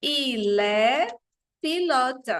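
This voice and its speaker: A woman's voice: high-pitched, animated, extremely slow, a bit bright. A woman teaching French grammar to beginners, checking in with her students often and stressing each French phrase as she says it. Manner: didactic, checks in often with "tá bem?".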